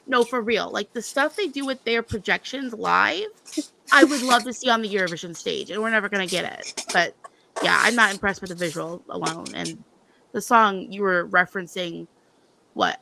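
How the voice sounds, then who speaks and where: A woman in casual chat on a video call, giving quick, opinionated takes. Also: fairly high pitch, creaky, bright, forceful tone, no room sound.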